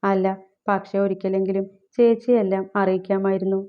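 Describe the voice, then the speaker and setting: A woman's voice: medium pitch, flat delivery, normal speed, close to an everyday voice. A woman voicing a tearful, hesitant young female college student, on a slightly dull recording.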